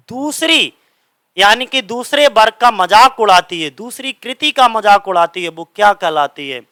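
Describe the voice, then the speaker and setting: A male teacher, his voice high and bright, runs an exam-prep lesson by firing a question and then answering it himself. He reads English lines slowly and then explains them in Hindi. His delivery is smooth and clear, recorded dry and close. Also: no room sound. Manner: drills with repeated questions and answers.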